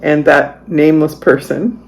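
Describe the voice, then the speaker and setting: Slow-talking chatty woman vlogger. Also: sits low, steady tone, gravelly, a little mellow, poor audio. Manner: sarcastic, chatty, storytelling. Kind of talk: casual chatty voice-over vlog.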